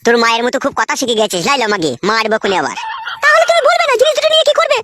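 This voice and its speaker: Woman voicing a village husband, crude, swearing, very fast, high-pitched. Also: wildly swooping pitch, noisy background. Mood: bossy. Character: rough-talking young village husband. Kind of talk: comic skit acting.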